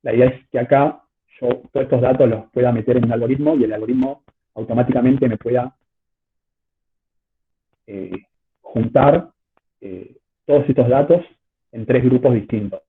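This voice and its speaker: A man's voice: medium pitch, moderate pace, long pauses, breathy edge. A man with an Argentine accent giving an informal online lecture as a teacher, hesitant and repeating words as he explains, heard through choppy call audio. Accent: Argentine Spanish. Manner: hesitant, repetitive phrasing while explaining. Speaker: university statistics lecturer. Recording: choppy phone-like call audio, faint noise, clicks.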